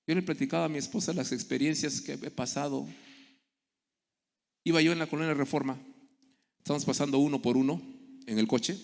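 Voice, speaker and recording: A middle-aged man preaches a sermon in a gravelly, creaky voice. He tells stories from daily life and acts out the people in them. The recording carries the long reverb of a large hall. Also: on the high side. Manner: storytelling, acting out quoted voices.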